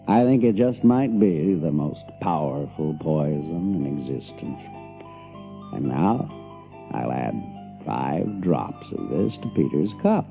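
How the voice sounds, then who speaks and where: A man's voice: sits low, gravelly, dull audio, heavily acted. An actor playing a villainous pirate captain in an audiobook drama, gloating, sly and theatrical as he savors each menacing phrase.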